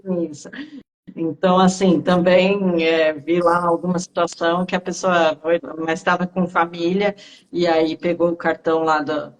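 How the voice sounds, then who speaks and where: A woman, explaining things in a relaxed, conversational way on a live-stream Q&A, with frequent fillers. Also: fairly low pitch, moderate pace, poor audio. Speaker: guest speaker on Italian citizenship. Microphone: remote live-stream call.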